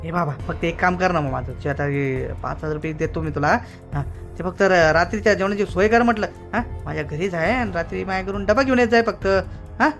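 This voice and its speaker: A man's voice: sits high, fairly quick, vocal fry. Pleading man with a Khandeshi accent. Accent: Khandeshi Marathi. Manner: pleading, hushed, bargaining. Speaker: cartoon voice artist. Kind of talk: comic cartoon dialogue. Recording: light music behind the voice.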